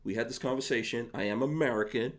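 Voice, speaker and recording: Man, from Guyana, podcast host, casual rambling talk, medium pitch. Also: quick pace. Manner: rambling, restarts, laughs easily. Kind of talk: casual conversation.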